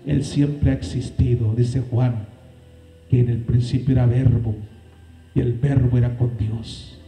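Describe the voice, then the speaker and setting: A man preaching a sermon as pastor, with dramatic swings in pitch and loudness. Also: steady tone, measured pace, gravelly, reverberant, faint music behind, low-quality recording. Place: church.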